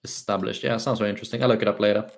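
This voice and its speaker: A young Swedish man speaks English with a light British lean over his Swedish accent, in a slightly low voice. He answers viewer questions on a casual livestream, pausing often with ums and uhs and restarting his sentences. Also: fairly even intonation, creaky. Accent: Swedish-tinged British English. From Sweden. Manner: hesitant, many fillers and restarts.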